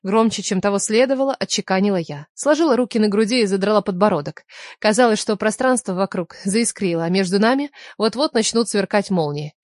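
A woman narrating a first-person romance audiobook with an expressive, emotional reading. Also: medium pitch, fairly quick, no room sound, studio quality.

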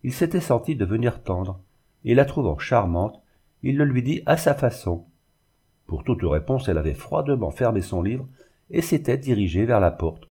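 A man narrating a classic novel in a measured, literary reading. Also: mid-range voice, lively intonation, dark tone, slightly rough. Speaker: audiobook narrator. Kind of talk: scripted narration.

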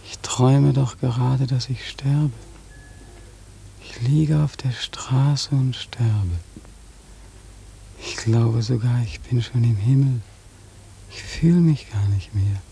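A man's voice: mid-range voice, measured pace, vocal fry, mellow, a little hiss or hum. An actor playing a bitter young war veteran who accuses God and mocks people while dreaming of his own death. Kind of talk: radio play acting.

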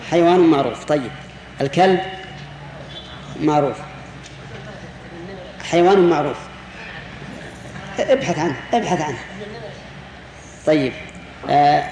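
A man's voice: on the high side, a little mellow. A man, a sheikh giving a classroom lecture on jurisprudence. He explains patiently, repeats key words and puts questions to his students. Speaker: sheikh teaching Islamic jurisprudence. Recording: roomy reverberant hall with faint hiss.

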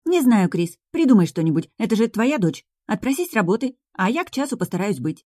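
A woman reads as a cross young sister on the phone, clipped and impatient. Her voice rises a little above the narrator's own low pitch and stays dark and close. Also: very animated, brisk, no echo. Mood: annoyed. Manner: curt, irritated phone talk.

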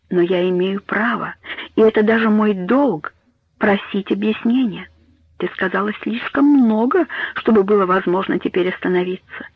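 A man's voice: sits high, breathy edge, no room sound, heavily acted. A man reading a storybook voices a frantic young woman who pleads with her mother in rising, tearful tones. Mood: insistent. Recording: tinny phone-like dry audio.

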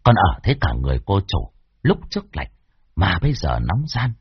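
A man with a husky voice narrating a horror story, expressive with wide swings in pitch. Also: a little fast, no echo. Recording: dull lo-fi dry recording.

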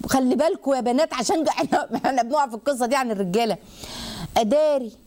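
Egyptian woman teaching a religious lesson to girls, talks quick, voice a bit high, really animated. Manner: lively, animated, acts out quotes and asks herself questions.

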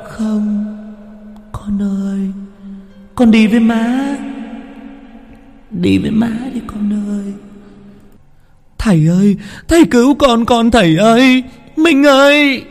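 A man's voice: high voice, steady tone, a little slow, long pauses, warm tone, pitched above the performer's own voice. A man voicing a grieving female ghost mother in a ghost story, pleading and sobbing. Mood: desperate. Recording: heavy reverb with music.

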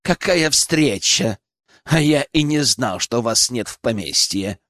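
A man voicing an arrogant foreign envoy with a pompous, drawn-out delivery. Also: fairly high pitch, big pitch swings, fairly bright tone, no echo, studio quality, voice pushed up. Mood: haughty. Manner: arrogant, drawn-out, shrieks when angry.

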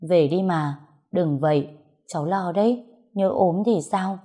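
Woman reading as a shy young woman, coaxing and fretful, mellow low tone, storybook. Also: unhurried, breathy edge. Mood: worried.

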